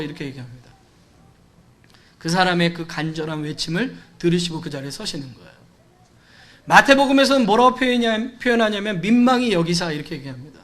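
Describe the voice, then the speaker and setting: A male pastor delivers a Sunday sermon in a church, with a noticeably high-pitched voice. He speaks to the congregation conversationally and slips into the voices of the people in his story to act out their pleas. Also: a bit bright. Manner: conversational preaching, acts out quoted cries and dialogue. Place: church sanctuary.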